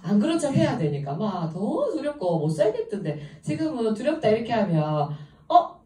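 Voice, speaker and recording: Chatty Gyeongsang woman lecturing, animated. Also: medium pitch, a little fast. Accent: Gyeongsang Korean. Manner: lively, chatty, laughs often while telling stories. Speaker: seminar speaker. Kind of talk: informal lecture talk. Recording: echoey room, voice from a distance.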